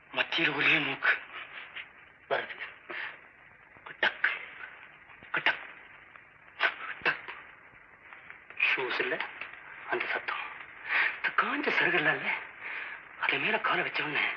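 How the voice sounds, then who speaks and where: An actor playing a boastful, scheming young would-be film director in a 1960s film comedy, switching between shouting and hushed storytelling. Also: fairly high pitch. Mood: spooky hushed. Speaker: aspiring film director, son. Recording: lo-fi old film soundtrack with faint hiss.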